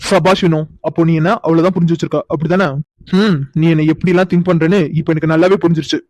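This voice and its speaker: A man's voice: on the high side, level tone, very fast, darkish tone, no room sound, lightly acted. A man voicing a young cartoon boyfriend who pleads to explain himself and turns bitter when he is misjudged. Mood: wounded. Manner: pleading, then bitterly wounded. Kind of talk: cartoon voice acting.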